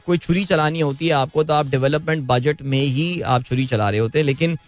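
A male morning show host with a Pakistani Urdu accent and a slightly high voice. He chats in a breezy, informal way, and faint music plays behind him. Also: a little fast. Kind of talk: live morning show chat.

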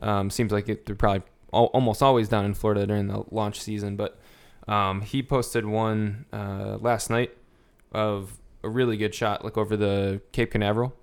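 A man's voice: fairly low pitch, level tone, moderate pace, hardly any pauses, clear, resonant tone. A man co-hosting a podcast in casual chat, easygoing, laughing often and filling with ums. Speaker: podcast co-host.

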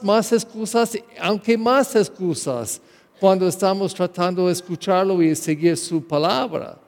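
A man, a parish priest, giving a Sunday homily in a slow, halting way with restarts and fillers. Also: high-pitched, a little mellow, long reverb tail. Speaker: pastor.

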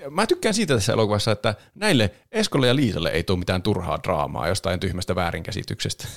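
A man's voice: sits low, expressive, vocal fry. A man hosting a podcast, chatting casually about a film, laughing often and now and then imitating voices. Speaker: podcast host. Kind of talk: casual chat reviewing a film.

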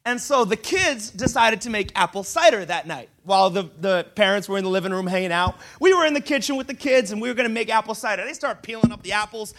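A man in his thirties, from Brazil, preaches with a very high voice. His tone is bright and forceful. He tells funny personal stories in an animated way. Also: quick pace, few pauses. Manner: animated, humorous storytelling with laughs.

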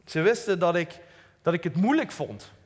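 Limburg dutch guy giving a laid-back church talk, fairly high voice, big echoey hall. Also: very animated, normal speed. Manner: earnest, plain-spoken, with light self-mocking asides. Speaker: lay preacher. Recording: long hall reverb.

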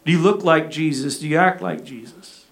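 A man's voice: on the high side, moderate pace, creaky, fairly bright tone. A man delivers a sermon. He speaks as a pastor, pressing his points with repetition and rhetorical questions. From Arkansas, United States.

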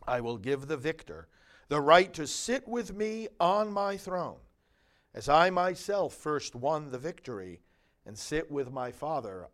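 A male priest delivers scripture and homily with solemn, deliberate emphasis. His voice sits a little high for a man and moves widely in pitch. He takes his time over each phrase, very slowly. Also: fairly bright tone. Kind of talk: liturgical scripture reading and homily.

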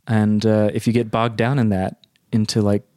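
A man talking as a guest in an interview, animated and quick, speaking in bursts. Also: lowish voice, clean tone, no echo. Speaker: guest artist. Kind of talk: conversational interview.

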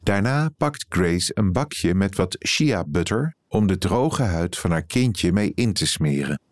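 A man, an editor, reading a written reportage aloud in calm, even scripted narration. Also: low voice, measured pace, no echo.

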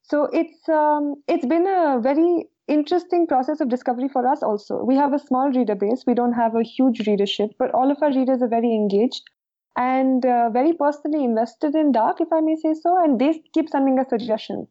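Speaking fairly quickly in a high voice, a Kashmiri woman who co-founded a newsletter responds to an interviewer's questions as a guest. She's thoughtful and well-spoken, though she uses many fillers. The audio is dull and lo-fi.

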